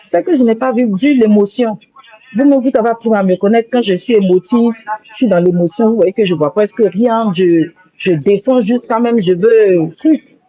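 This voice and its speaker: A woman's voice: medium pitch, normal speed, dark tone. A woman speaking on a live stream, rambling and repeating herself as she apologizes with emotion. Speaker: social media livestreamer. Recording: dull lo-fi phone audio.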